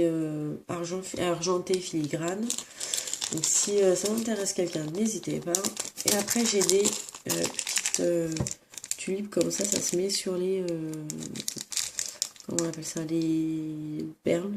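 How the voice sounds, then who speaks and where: A woman's voice: lowish voice, fairly even intonation, moderate pace, noisy background. A sick, sniffling woman in a room at home, casually showing craft supplies with many hesitant fillers and self-corrections. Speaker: crafts vlogger. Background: crinkling plastic bags.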